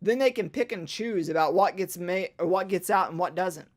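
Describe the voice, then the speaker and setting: A woman's voice: on the low side, normal speed. A woman vents in a casual vlog monologue, exasperated and sarcastic. She grows more fired up as she goes. She sounds a little tipsy from drinking. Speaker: vlogger.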